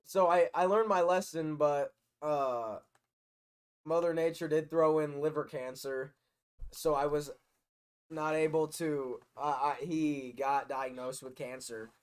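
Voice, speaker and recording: A man's voice: fairly high pitch, steady tone, measured pace, clear, resonant tone. Young man telling a rambling story. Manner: rambling storytelling, loud when laughing. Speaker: podcast guest. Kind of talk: casual chat.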